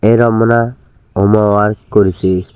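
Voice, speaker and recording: A man's voice: fairly low pitch, level tone, measured pace, clear, resonant tone, no echo, close to an everyday voice. A man voicing a bossy, scolding big brother in a storybook reading, stern but caring, on a tinny narrow-band recording.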